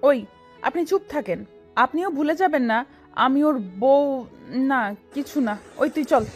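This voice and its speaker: An actress playing a bossy, jealous young wife in an audio love-story drama, speaking in a commanding, scolding manner. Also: female voice, sits high, expressive, unhurried, soft background music. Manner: commanding, scolding, uses blunt familiar address.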